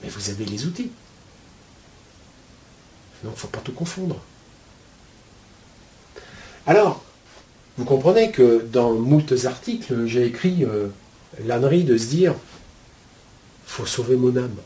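A man teaching spiritual ideas to his viewers in a casual, colloquial way, with a steady stream of "hein" and "euh". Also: medium pitch, slow, long pauses. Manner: chatty, explains with homely metaphors.

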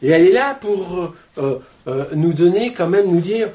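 A man teaching spiritual ideas to his viewers in a casual, colloquial way, with a steady stream of "hein" and "euh". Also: sits high, normal speed, slight background noise. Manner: chatty, explains with homely metaphors.

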